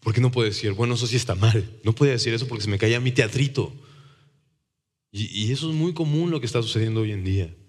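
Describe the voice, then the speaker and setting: A man with a Mexican accent giving a conversational faith testimony, animated and acting out the voices he quotes. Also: medium pitch, fast, big-room sound. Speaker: testimony speaker.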